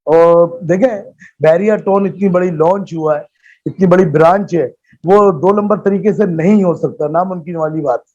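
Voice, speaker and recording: A man speaks as a call-in guest, his voice sitting high for a man. The dull, lo-fi phone line strips away the fullness of his voice. He argues forcefully and rhetorically, repeating his points for emphasis. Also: moderate pace. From Pakistan. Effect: heard over a phone line. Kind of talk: impassioned political argument.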